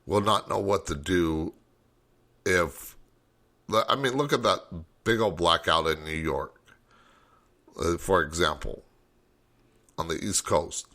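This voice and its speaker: A man's voice: sits low, slow, long pauses, sharp tone. A man hosting a late-night call-in talk show, rambling and thinking aloud as he goes.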